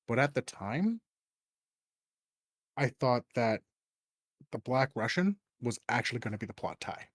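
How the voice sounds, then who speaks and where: A man's voice: medium pitch, dry recording, studio quality. A man co-hosting a podcast, laying out his thoughts about a film step by step in casual chat. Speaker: podcast co-host.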